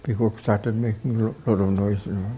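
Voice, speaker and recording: Older man, interviewee, very dark timbre, fairly low voice, anecdotal storyteller, seated in an office. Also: little pitch movement, brisk, poor audio. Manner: anecdotal, acts out quoted dialogue. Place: indoor office with bookshelves.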